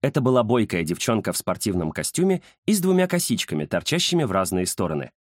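A man narrating a children's story in an expressive storytelling manner. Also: fairly low pitch, fast talker, no echo, clean studio sound. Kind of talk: audiobook narration.

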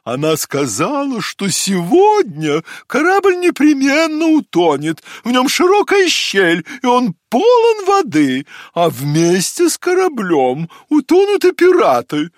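Man putting on a high slow-talking wise owl lady. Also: huge pitch swings, dry recording, studio quality, full character voice. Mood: calm scolding. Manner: slow, high, sing-song scolding. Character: calm wise female owl. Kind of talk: storybook reading.

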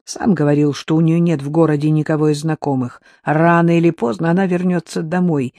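A man reading the part of a cold, scheming female crime boss who speaks in a measured, menacing way. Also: on the high side, fairly even intonation, warm tone, dry recording, natural voice.

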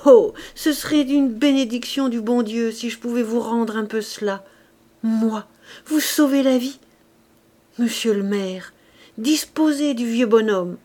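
A woman reading aloud, voicing an old male gardener in a raised, lively, exclaiming voice. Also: on the high side, measured pace. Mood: devoted. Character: spry old male gardener, eager and devoted.

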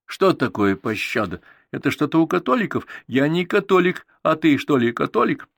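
A cheeky schoolboy friend played by a man teases in a bright, raised voice. He sounds cheerful and mocking, like a storybook boy. The sound is dry and close. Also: fairly high pitch, very animated, moderate pace, vocal fry, dry recording, pitched above the performer's own voice, full character voice. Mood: teasing.

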